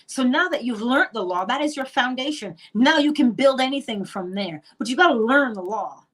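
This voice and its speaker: Teaching about spiritual law, a middle-aged woman from Barbados gives an emphatic monologue on manifestation, full of rhetorical questions, in a Barbadian accent. Her voice is fairly high and fairly bright, with lively intonation and a moderate pace.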